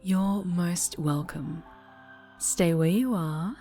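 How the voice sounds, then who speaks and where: A woman voicing a fallen hero turned possessive villain, speaking in a soft, breathy, menacing whisper in an audio roleplay. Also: on the low side, drawn-out words, faint music behind. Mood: cloying. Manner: taunting, cloying, menacing.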